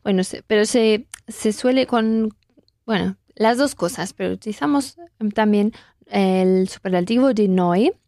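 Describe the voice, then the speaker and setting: Speaking Spanish, a woman gives a German lesson, patiently repeating phrases and correcting her student. Her voice is mid-range and warm, her pace measured, and the studio-quality recording has no room sound.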